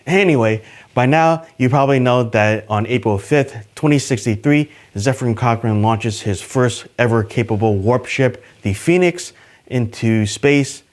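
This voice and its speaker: A man hosting a casual trivia video, talking to the camera in an upbeat, chatty way with plenty of fillers. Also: unhurried. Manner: enthusiastic, pitch jumps on list numbers. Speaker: YouTube host.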